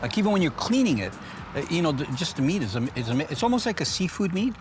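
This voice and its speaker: A man's voice: fairly high pitch, very animated, quick pace, noisy background. Joking man hosting a fishing show. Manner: joking, teasing, talks while eating. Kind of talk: casual chat over a meal.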